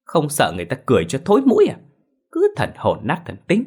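A man voicing a sharp-tongued village wife who mocks and nags her husband, in a spoken ghost story. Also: very animated, brisk. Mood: scolding. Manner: shrill, mocking, nagging.

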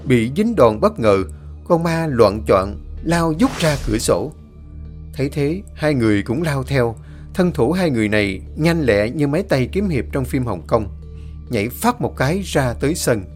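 A man's voice: medium pitch, sing-song, normal speed, soft background music. A man narrating a ghost story and voicing each of the characters himself.

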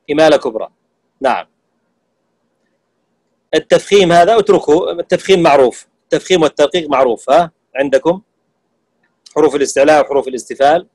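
A man teaching Quran recitation rules to students, explaining terms and slowly demonstrating how sounds are pronounced. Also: on the high side, a little mellow, no echo, rough recording. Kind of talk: classroom lesson on tajweed.

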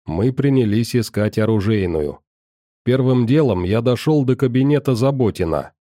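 Male audiobook narrator, calm first-person storytelling, dark mellow tone, dry close recording. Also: mid-range voice, moderate pace, no room sound.

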